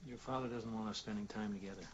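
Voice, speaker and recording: A man playing a calm, measured mentor in a naturalistic TV drama. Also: fairly low pitch, natural voice. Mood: calm, admonishing. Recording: dull TV soundtrack, loud noise.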